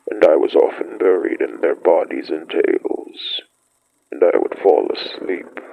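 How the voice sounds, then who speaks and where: A male actor voices an ancient, wolf-like great beast, a solemn pack elder recalling primeval winters, in a scripted dramatic monologue for a horror fiction podcast. His fairly low, heavily creaky, rasping voice is grave, slow, measured and poetic, with a tender, wistful mood. It's a full character voice heard through phone-quality sound.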